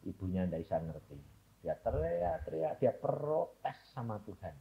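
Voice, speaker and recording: An older male evangelist preaching a sermon and telling a story, with big swings from loud shouting to hushed low tones. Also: sing-song, measured pace, vocal fry. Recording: dull lo-fi sermon recording.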